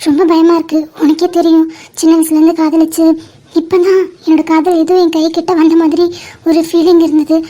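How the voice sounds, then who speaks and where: A woman voicing a lovesick young woman in an animated cartoon, speaking in a worried, hesitant way. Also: very high-pitched, fairly quick. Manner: worried, hesitant, tearful pleading.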